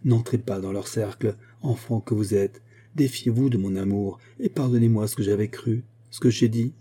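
A man's voice: on the low side, steady tone, normal speed, dark tone, breathy edge. A man voicing a tormented young Corsican lover. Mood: anguished. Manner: impassioned, pleading.

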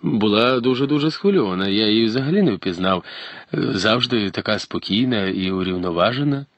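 A man's voice: lowish voice, lively intonation, a little fast, dry recording. A man reading an audiobook, voicing a stout, flustered doctor who talks fussily and at length. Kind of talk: audiobook character voice.

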